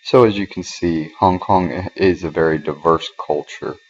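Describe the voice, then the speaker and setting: Very deep-voiced man narrating a class presentation. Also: fairly even intonation, normal speed, breathy edge, lo-fi sound. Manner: hesitant, many fillers. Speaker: student presenter.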